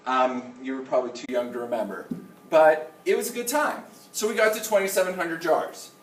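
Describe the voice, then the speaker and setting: A man, a middle school teacher, making an informal, halting announcement to his class and often checking in with an okay. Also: fairly high pitch. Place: indoor classroom with students. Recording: roomy classroom, distant mic, faint noise.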